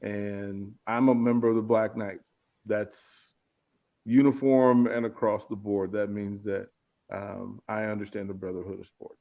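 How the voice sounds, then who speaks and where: Level in tone and measured in pace, his low, creaky voice comes through muffled lo-fi audio. He's from Arlington, Virginia, a guest in a relaxed interview who reflects aloud and repeats words while searching for phrasing.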